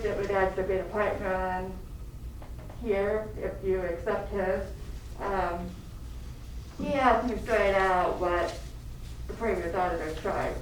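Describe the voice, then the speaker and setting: Woman, medium pitch, informal meeting report, heavy room echo, distant pickup. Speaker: health department administrator reporting to board. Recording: very echoey room, distant mic, faint noise.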